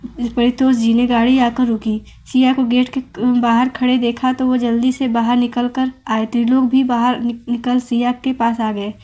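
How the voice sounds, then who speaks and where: A woman reading a Hindi romance novel aloud as a storyteller, with plain, steady narration and small stumbles. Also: a little high, moderate pace.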